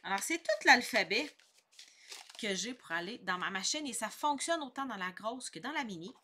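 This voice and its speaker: Québécois woman, middle-aged, friendly craft tutorial host, bright, fairly high voice. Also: expressive, moderate pace, slight background noise. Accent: Québécois French. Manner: chatty, upbeat, explains each step. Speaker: scrapbooking instructor.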